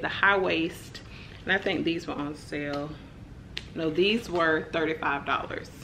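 Chatting casually to camera, a young vlogger runs through her shopping haul in a relaxed way, sprinkling in "like" and "y'all." For a woman, her voice sits a little low, and a faint room hum lingers behind her.

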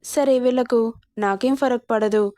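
A woman's voice: a little high, fairly even intonation, moderate pace, dark tone, no room sound, close to an everyday voice. A woman voicing a short-tempered young husband who speaks curtly in a storybook romance. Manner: curt, cold.

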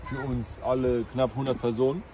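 A man in his thirties narrates a family travel vlog in a warm, level, medium-pitched voice at normal speed, chatting casually and often adding tag questions. He's inside a camper van and outside beside it, and road and vehicle noise can be heard.

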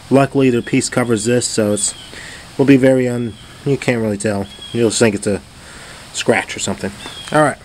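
Narrating a home repair he's doing himself, this man sounds laid-back and plain-spoken, with a medium-pitched, slightly mellow voice. He makes DIY videos, and the audio is noisy handheld camera sound with clicks, picked up by the camera or phone he's filming with.

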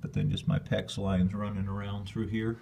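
A man with a very low voice walks through his dark stone basement. He films on a handheld phone and talks in a plainspoken, rambling way. The sound echoes in the basement room, with a faint hum behind him. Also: flat delivery, moderate pace, gravelly. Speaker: homeowner giving a basement tour. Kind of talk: casual walkthrough narration. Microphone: handheld phone camera.

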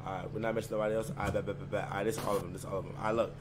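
Very fast and flat, a low-ish male voice runs a dating game on stream over music, barking slangy instructions and repeating "bet" and "I'm saying." It's casual group-call hosting, captured in noisy audio with hum.

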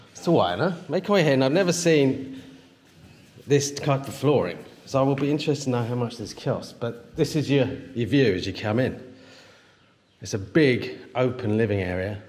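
A vlogger touring a house for sale gives a casual walk-through, thinking aloud and attempting broken Thai phrases. His mid-range, slightly mellow voice is expressive and moderately paced, echoing through the bare rooms of the empty house with hard floors.

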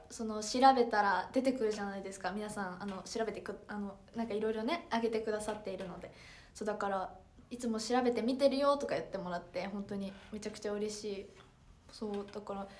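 A woman's voice: fairly high pitch, a little hiss or hum. Cheerful teenage girl with a Toyama accent. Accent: Toyama dialect. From Toyama, Japan. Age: teens (16). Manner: bright and polite, many fillers, reads comments aloud. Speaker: idol livestreamer reading viewer comments. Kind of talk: casual livestream chat.

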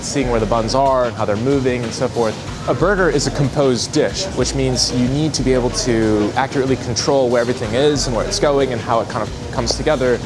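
Enthusiastic man explaining his restaurant. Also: mid-range voice. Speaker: restaurant founder. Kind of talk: interview. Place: restaurant with open kitchen.

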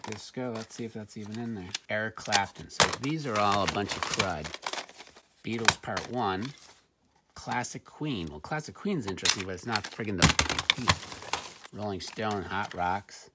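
At a home table, a middle-aged man presents his thrift finds with off-the-cuff remarks and dry, wry muttering on the side. His pitch is fairly low and his pace measured, and the noisy home recording includes handling clicks.

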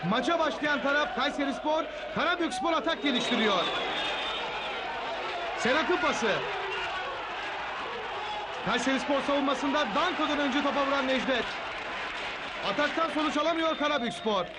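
A man giving excited football match commentary in a shouting, screaming delivery. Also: very high voice, moderate pace, long pauses. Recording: loud crowd noise behind commentary. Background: stadium crowd.

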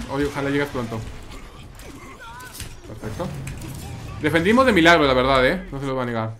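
A man's voice: mid-range voice, fairly bright tone, a little hiss or hum. A man with a Mexican accent commenting live on his gameplay, chatting with viewers and repeating his phrases. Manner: chatty, repeats phrases, reads and answers chat. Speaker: streamer.

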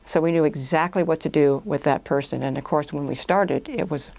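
A language institute owner in her 60s or 70s answers as a guest in a small indoor podcast studio, explaining step by step in a conversational way. She speaks briskly in a deep, gravelly voice with a darkish tone. The recording is low quality, though it has no room sound.

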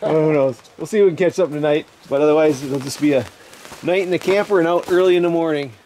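A man's voice: a little high, fast. A man filming a fishing trip, narrating casually outdoors and trailing off with easy chuckles. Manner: laid-back, chuckling, trails off. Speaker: fishing vlogger. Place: outdoors by rivers and a lake.

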